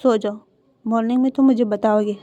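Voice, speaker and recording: A woman doing a quiet possessive young man. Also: a little high, steady tone, fairly quick, highs cut off, lightly acted. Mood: pleading. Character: possessive young man, soft then threatening.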